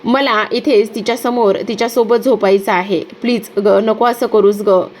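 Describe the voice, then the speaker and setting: A devoted mother, read out by a female narrator who pleads urgently to protect her sleeping daughter. The voice is slightly high and stays close to the narrator's own. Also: fairly even intonation, moderate pace, darkish tone, natural voice. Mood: pleading.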